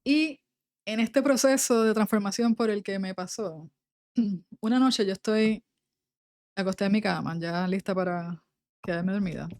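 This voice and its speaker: A woman's voice: mid-range voice, unhurried, long pauses, darkish tone, dry recording, clean studio sound. Woman teaching scripture. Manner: reads scripture aloud, then explains it in a conversational tone. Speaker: Bible teacher. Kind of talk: Bible study teaching.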